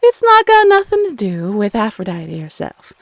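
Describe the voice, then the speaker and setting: A woman's voice: medium pitch, huge pitch swings, normal speed, no echo. A woman playing a playful, teasing Cupid, a bossy love goddess who chats sassily and uses pet names in an audio roleplay. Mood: playful, enthusiastic. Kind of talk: scripted audio roleplay addressed to the listener.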